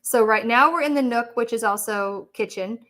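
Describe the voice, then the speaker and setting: A woman's voice: on the high side, moderate pace, a bit bright. A chatty woman hosting a casual livestream, laughing often and reading viewer comments. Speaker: livestream host.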